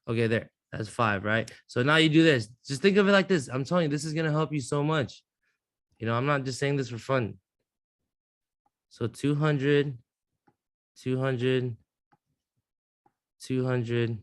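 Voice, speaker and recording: A man's voice: medium pitch, a bit bright, no echo, clean studio sound. A man teaching a live trading class, blunt and profane, often restarting his sentences. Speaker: trading instructor.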